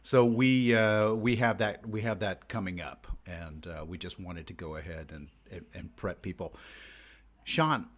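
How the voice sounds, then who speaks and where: Male podcast co-host, lowish voice, loose rambling delivery full of ums and restarts. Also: steady tone, unhurried. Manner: rambling, many fillers and restarts. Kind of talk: casual podcast chat.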